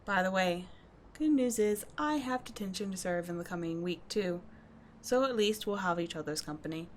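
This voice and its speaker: In an ASMR roleplay audio drama, a woman plays a tough yet caring teenage delinquent schoolgirl, talking in a slangy, blunt, but soothing way. Her medium-pitched voice is lively, near her everyday voice, at normal speed, and the mood is casual, bossy, and caring. There's slight background noise.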